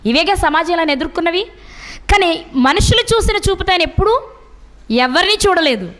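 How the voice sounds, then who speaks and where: A woman's voice: very high-pitched, expressive, normal speed, fairly bright tone. A middle-aged woman preaching a sermon, asking her listeners question after question. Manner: asks the listeners many rhetorical questions.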